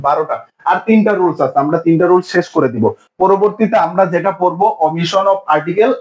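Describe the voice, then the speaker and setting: A young male teacher runs an exam-prep grammar lesson. His voice sits high for a man, and he drills each rule by asking a question and then answering it himself, over and over. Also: a little mellow, rough recording. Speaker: English teacher.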